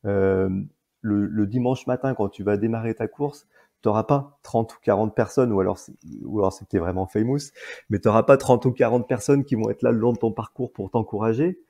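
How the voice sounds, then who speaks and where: Guy in his 40s, podcast guest, gravelly low voice, lots of euh and restarts. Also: fairly quick, warm tone. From France. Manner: hesitant, many fillers and restarts. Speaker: guest entrepreneur. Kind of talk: casual podcast interview.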